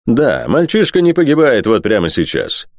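A man's voice: mid-range voice, wildly swooping pitch, normal speed, no echo, studio quality, voice pushed up. A man voicing a cold, scheming aristocratic lord who lectures in a polished, condescending way in an audiobook.

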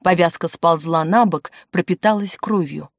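A woman narrating an audiobook in an expressive storytelling manner, recorded in a studio. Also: lowish voice, moderate pace, dry recording. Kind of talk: scripted narration. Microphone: studio mic.

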